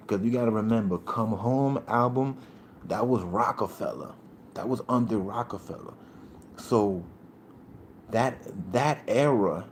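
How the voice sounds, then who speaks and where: A man in his thirties from Puerto Rico hosting a casual livestream, rambling in streetwise slang and shouting out viewers by name. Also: mid-range voice, slight background noise. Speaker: livestream host.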